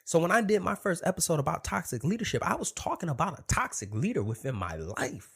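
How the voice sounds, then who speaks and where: A man's voice: a little high, sing-song, fast, vocal fry, fairly bright tone, breathy edge. A man hosting a casual solo podcast, rambling and emphatic, with a slight lisp and thick-tongued speech from a swollen tongue. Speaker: podcast host.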